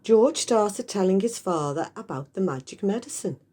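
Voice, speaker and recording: A woman reading a children's story aloud with expressive, dramatic emphasis. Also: medium pitch, moderate pace. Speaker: storybook reader. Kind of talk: animated scripted children's story narration.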